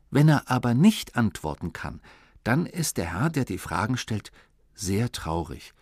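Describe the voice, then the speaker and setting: A man gives an expressive, scripted narration of a children's book. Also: lowish voice, no echo, studio quality. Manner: lively, expressive reading. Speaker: audiobook reader.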